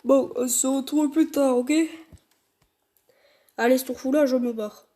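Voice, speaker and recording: A woman voicing a young neighbor girl in a gruff deep voice with a southern French accent, halting at the start of lines. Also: steady tone, warm tone. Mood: shy.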